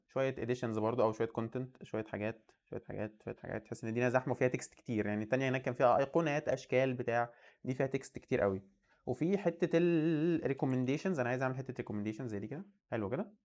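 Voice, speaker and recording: A man's voice: medium pitch, darkish tone. A young man in his twenties with an Egyptian Arabic accent, the host of a coding channel, chatting casually and thinking aloud as he browses and comments on what he sees. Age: 20s. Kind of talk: casual screen-share commentary.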